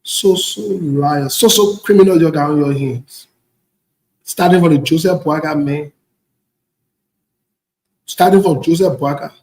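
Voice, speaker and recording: This online political commentator, a West African man from Ivory Coast, launches a blunt, indignant, off-the-cuff rant, repeating phrases to drive points home. His fairly high, slightly mellow voice moves at a measured pace with long pauses, recorded in an echoey room.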